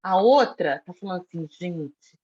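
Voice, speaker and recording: A woman with a Brazilian Portuguese accent, a guest in a casual podcast conversation, telling stories with lively, blunt, foul-mouthed energy. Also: medium pitch, moderate pace, husky, lo-fi sound. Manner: animated storyteller, self-described foul-mouthed.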